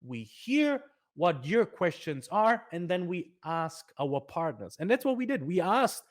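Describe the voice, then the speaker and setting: A man's voice: sits high, big pitch swings, a little slow. A man presenting career advice for a nonprofit foundation, speaking emphatically with many fillers and restarts.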